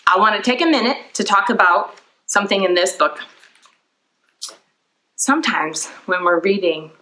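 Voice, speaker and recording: With poor audio quality, a woman speaks in a lowish, bright and forceful voice. She hosts a read-aloud for young children, explaining simply and putting questions to her listeners along the way.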